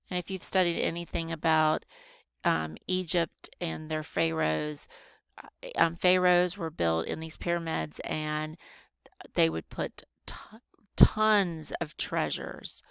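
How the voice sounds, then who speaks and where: A woman teacher patiently walking students through a grammar worksheet, slowing down to show careful reading. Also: fairly low pitch, creaky, a bit bright, smooth, no room sound. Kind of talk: recorded grammar lesson for students.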